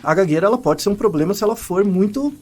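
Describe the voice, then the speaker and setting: A man's voice: high voice, animated, quick pace, darkish tone. A man, a scientist co-host, explaining things in casual podcast chat with lots of examples and repeated words.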